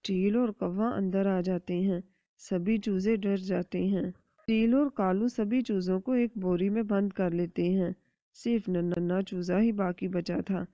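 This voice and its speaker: A woman narrating a children's cartoon story in a steady storytelling manner. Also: medium pitch, no room sound. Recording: dull dry lo-fi recording.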